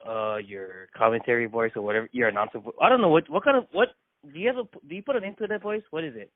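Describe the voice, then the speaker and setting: A man's voice: medium pitch, racing, no room sound. A young man from Hawaii hosting a casual phone interview, giggling and rambling with many fillers. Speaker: host. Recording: dry tinny phone line.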